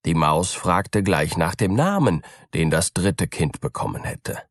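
Guy reading a fairy tale, calm n unhurried, lively tone, bit of fry. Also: low-pitched, dry recording, studio quality. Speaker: storyteller.

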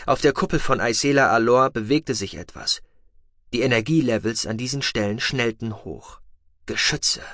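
A man reads a science fiction story in a steady, even narrating voice. His pitch sits at an ordinary middle. The recording is dry and close, with no room echo. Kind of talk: scripted audiobook narration.

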